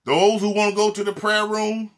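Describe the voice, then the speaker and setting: A Mississippi evangelist minister with a Southern accent gives a fiery, blunt social media sermon, repeating refrains to hammer his points. He speaks at a moderate pace in a high voice with a level tone.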